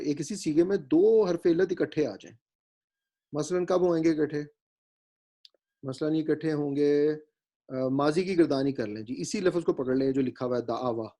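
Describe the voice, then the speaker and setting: A man teaching a grammar lesson, patient and explanatory, slowly spelling out vowel marks and often checking that his students follow, with English words mixed in. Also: a little high, dark tone. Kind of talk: grammar lecture.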